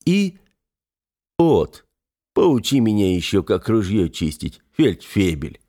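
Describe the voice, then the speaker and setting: Man voicing a gruff old blacksmith. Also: on the low side, very animated, moderate pace, darkish tone. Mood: sarcastic. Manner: gruff, grumbling. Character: gruff older village blacksmith, stern but honest. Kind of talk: audiobook character voice.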